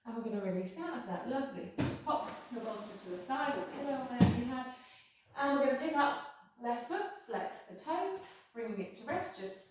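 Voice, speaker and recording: Careful, unhurried woman in a very echoey room. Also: a little high, lively intonation, background noise. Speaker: yoga instructor. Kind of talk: guided yoga class instruction. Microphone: worn mic near the face. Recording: very echoey room, distant-sounding.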